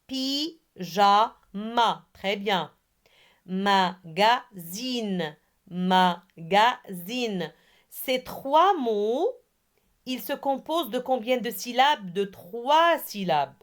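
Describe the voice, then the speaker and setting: A woman's voice: a little high, animated. A woman teaching a reading lesson to young children, spelling out words syllable by syllable and praising her pupils. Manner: slow, syllable by syllable, has pupils repeat after her; encouraging. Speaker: primary school teacher.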